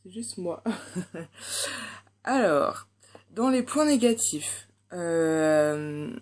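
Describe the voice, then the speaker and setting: A woman's voice: lowish voice, expressive, drawn-out words, darkish tone. A young woman with a French accent reviewing a makeup palette in a casual, hesitant way, full of fillers. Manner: chatty, hesitant, many fillers. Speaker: beauty vlogger.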